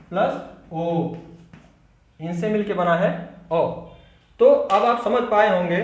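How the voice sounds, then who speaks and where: A man teaching Hindi grammar in a classroom lecture, asking the class questions and answering them himself, repeating key terms slowly. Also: sits high, echoey room.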